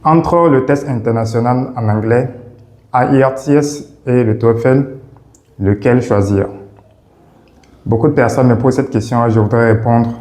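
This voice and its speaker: A man giving a casual video lesson as an English test advisor, unhurried, repeating his key points with many fillers. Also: on the low side, dark tone. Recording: echoey room with faint music.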